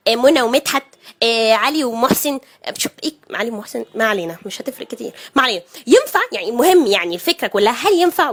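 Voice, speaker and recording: A woman with an Egyptian accent giving a sarcastic, mock-lecturing comedic monologue to the camera, firing rhetorical questions at the viewer. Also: high-pitched. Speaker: comedic vlogger.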